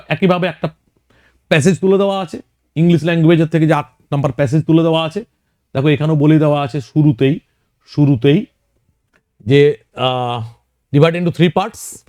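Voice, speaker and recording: A man's voice: a little high, a little mellow, dry recording, clean studio sound. A man teaching an exam prep lecture, walking students through questions one by one. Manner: explains questions one by one, addressing students directly.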